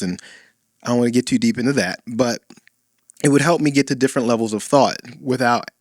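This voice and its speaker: A man co-hosting a dating-coach podcast in casual chat, playful and animated, often acting out quoted lines. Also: mid-range voice, no echo, clean studio sound.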